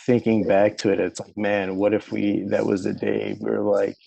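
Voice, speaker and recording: A man's voice: fairly low pitch, little pitch movement, moderate pace, gravelly, warm tone, husky, no room sound, poor audio. A man casually reflecting on personal experience in a group discussion, peppering his talk with verbal hedges.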